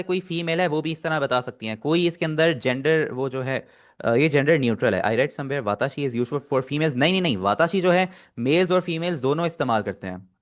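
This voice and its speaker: A man with a slightly raised voice leads a live online Japanese class. He explains patiently, stops to answer students' questions, and slows right down to drill pronunciation one syllable at a time. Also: on the high side. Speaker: Japanese language teacher.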